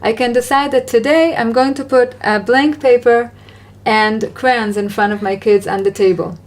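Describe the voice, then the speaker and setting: A woman hosting a casual Q&A conversation, talking about parenting in an earnest, reflective and gently encouraging way. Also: a little high, fairly even intonation, moderate pace. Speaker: parenting advice host.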